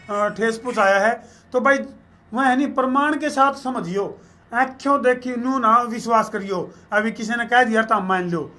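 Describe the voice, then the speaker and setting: Earnest high bright Haryanvi man. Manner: folksy, earnest, pleading. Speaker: local journalist being interviewed. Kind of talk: earnest public appeal in casual interview.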